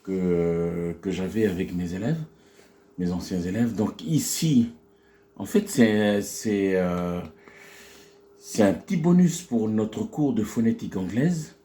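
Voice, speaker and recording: A male teacher walks through a phonetics lesson at an unhurried pace, often pausing and restarting his sentences. His voice is relaxed and dark-toned, and he slowly draws out each example word so it can be copied. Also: fairly low pitch. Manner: slow, halting explanation with many fillers and restarts; stretches out English words to model pronunciation. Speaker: English teacher.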